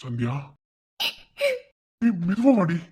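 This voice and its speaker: A performer voicing a worried young husband in a cartoon, soft and comforting, with a Madurai Tamil accent. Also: mid-range voice, sing-song, slow pace, loud music behind the voice. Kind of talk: cartoon voice acting.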